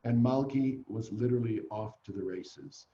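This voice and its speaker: An older man from Canada tells his story as an interview guest, earnest and animated. His voice is mellow and dark. The sound is dull and roomy, with a faint hiss behind it, like a home video call. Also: medium pitch, normal speed.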